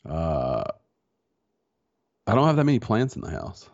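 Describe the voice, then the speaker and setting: With a fairly low pitch, huge swings in intonation, and an unhurried, slightly mellow delivery, a man chats casually as a podcast co-host. His laid-back, slangy talk has a stuffy-nosed, slightly congested quality. He records in a small converted-barn home office, and the audio is dull and lo-fi.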